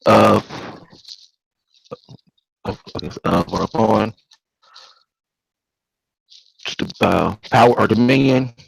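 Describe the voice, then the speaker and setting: Class participant on a call: low, dry male voice, halting delivery, mic distortion and dropouts throughout. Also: vocal fry, slightly rough, no room sound. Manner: halting, tries words out and corrects himself. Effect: distorted, breaking-up mic. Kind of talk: reading a translation attempt over a live call.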